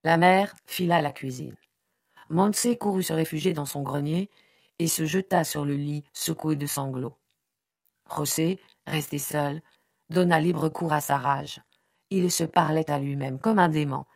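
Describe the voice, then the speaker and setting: Low, gravelly woman reading a novel. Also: measured pace, no room sound, clean studio sound. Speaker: audiobook narrator. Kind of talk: literary audiobook reading.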